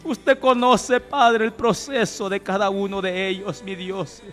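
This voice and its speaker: Music plays beneath a preacher's intense Pentecostal prayer for healing as he pleads, exclaims and repeatedly shouts praise. He speaks unhurriedly in a high voice that barely shifts in pitch.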